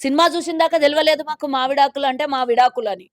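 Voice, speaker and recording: A woman's voice: high-pitched, rapid-fire, dry recording, studio quality. A woman with a Telangana accent, a corporation chairperson speaking as a guest in a political interview in an indignant, pointed and sarcastic way. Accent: Telangana Telugu.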